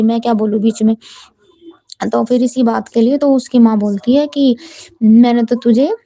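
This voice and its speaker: A woman from Delhi sharing a devotional testimony with the congregation, chanting mantras and speaking in halting sentences with many restarts. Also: on the high side, mellow, poor audio.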